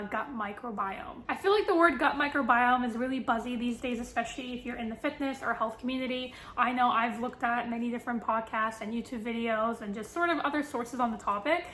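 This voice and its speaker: A woman's voice: fairly high pitch, fairly bright tone, echoey room. A woman book vlogger chatting casually to camera about her reading list, with lots of fillers and self-deprecating asides.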